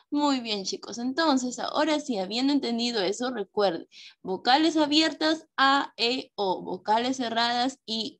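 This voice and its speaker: A patient woman teacher with a fairly high voice. She explains slowly to her class, stressing key words and often stopping to check that everyone follows. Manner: patient, with frequent checks for understanding; affectionate diminutives, slow stressing of key words. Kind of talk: online class lesson.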